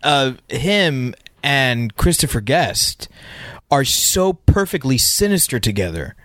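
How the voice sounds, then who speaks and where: A man in casual podcast chat, halting with frequent restarts. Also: mid-range voice, sing-song, fairly bright tone, no room sound.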